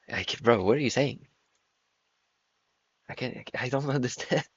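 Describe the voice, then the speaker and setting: Young male streamer, 20s, low gravelly voice, profane joker, dull lo-fi mic. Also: slow. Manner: profane, joking banter. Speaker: trading livestream host. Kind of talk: casual stream chat.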